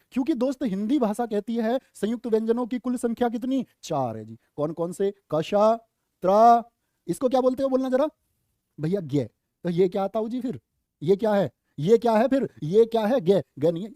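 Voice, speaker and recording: A man's voice: high voice, mellow, dry recording, studio quality. A young man teaching a Hindi grammar lesson for an exam, asking the class questions and answering them himself, with playful asides.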